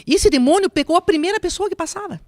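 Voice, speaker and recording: A woman telling an emotional personal testimony, slipping into soft whispers and a preaching tone. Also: very high-pitched, expressive, quick pace, dry recording. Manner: emotional, drops to soft whispers when recounting quotes; preaching tone on spiritual points. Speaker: guest giving testimony.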